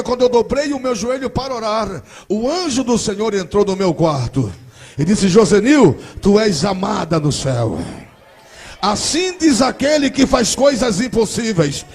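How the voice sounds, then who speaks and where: A man acting out a fervent evangelical woman who prays and prophesies, with a husky voice. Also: medium pitch, pitched above the performer's own voice. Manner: prophetic, proclaiming, shouting.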